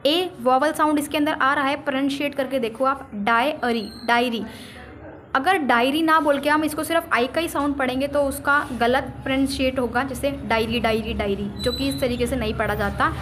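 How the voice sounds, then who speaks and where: A woman teaching a shorthand lesson, explaining signs on a board and slowly repeating each example word. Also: sits high, fairly bright tone. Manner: repeats example words slowly, drawing out syllables.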